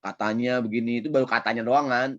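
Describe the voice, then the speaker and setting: A man preaching a casual sermon in a Jakarta Betawi accent, lively and playful, often checking in with his audience. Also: medium pitch, fast talker, no echo, lo-fi sound. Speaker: Islamic preacher. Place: online session.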